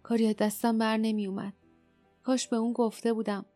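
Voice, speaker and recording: A woman reading a grim, weary adult male warrior in an audiobook, in a gruff, low-key way. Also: little pitch movement, warm tone, no echo, faint music behind, lightly acted. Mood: grave.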